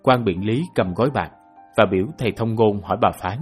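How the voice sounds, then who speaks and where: A man narrating a novel as an audiobook in a steady storytelling manner. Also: lowish voice, a little fast, soft background music.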